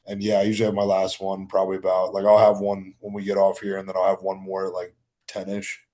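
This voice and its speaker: A young man in his twenties from Baltimore talks in a low, even-toned voice on a casual podcast. His speech is relaxed and slangy, and he often restarts his sentences as he rambles through his story. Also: fast talker. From Baltimore, Maryland. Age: 20s. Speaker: guest bodybuilder.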